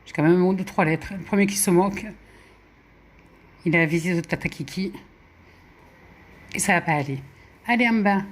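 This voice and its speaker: A YouTuber chats casually at home while playing puzzle games, muttering letters and numbers to herself and poking fun at her own mistakes. Her voice is on the low side, her pace moderate, and she pauses often.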